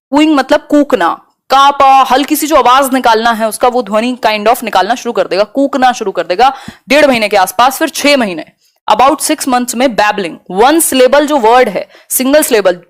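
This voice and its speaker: Teacher, female, fairly high voice, chatty, keeps checking in with the class. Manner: quick, conversational, checks in with students often. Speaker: exam-prep teacher. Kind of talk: live online class.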